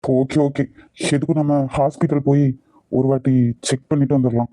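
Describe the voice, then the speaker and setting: A man's voice: mid-range voice, flat delivery, normal speed, dark tone, no room sound, close to an everyday voice, poor audio. A man voicing a young husband in a cartoon drama, loving but short-tempered, given to pushy, scolding questions. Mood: worried.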